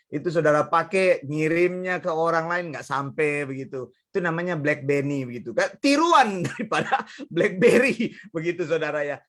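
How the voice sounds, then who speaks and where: Guy preaching a sermon, high voice, chatty storyteller, chuckles a lot, talks right to the congregation. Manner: lively storytelling, chuckling, addresses listeners as brothers. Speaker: pastor.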